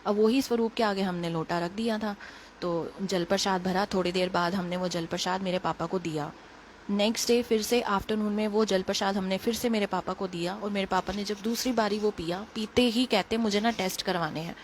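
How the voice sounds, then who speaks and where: A woman with a Delhi accent telling an emotional personal story in quick, earnest casual speech, recorded on a phone. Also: mid-range voice, fairly even intonation, a little hiss or hum. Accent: Delhi Hindi. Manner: earnest, emotional, quick retelling with quoted dialogue. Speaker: devotee sharing a testimony.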